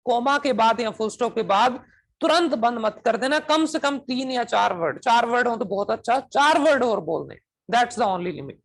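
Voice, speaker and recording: A man's voice: very high-pitched, expressive, moderate pace, creaky. A man teaching a coaching class, constantly asking students whether they understand and drilling them with questions. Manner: switches between Hindi and English demonstration phrases.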